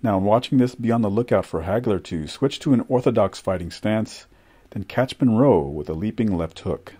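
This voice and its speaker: A man's voice: on the low side, animated, moderate pace, dark tone, husky. A man narrating boxing history from a script as a documentary narrator.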